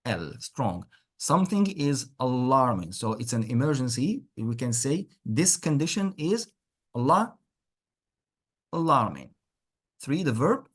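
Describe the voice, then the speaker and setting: Male English teacher, very varied intonation, slightly husky tone, deliberate and repetitive delivery in a pronunciation class. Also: medium pitch, very animated. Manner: deliberate, repeats words for learners, encouraging. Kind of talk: interactive pronunciation lesson.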